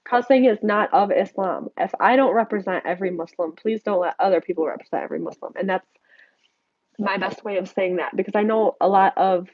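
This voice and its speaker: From her home desk, a young American woman answers viewer questions on a casual live stream, chatty and candid as she reads out comments. Allergies leave her congested and nasal. Her mid-range voice comes through lo-fi with no echo.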